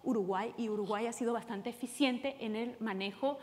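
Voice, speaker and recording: A woman from Venezuela speaks on a conference panel, explaining her points in a hurried way with many fillers. Her voice sits slightly high. The sound carries a long reverb from a large conference hall. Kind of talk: conference presentation.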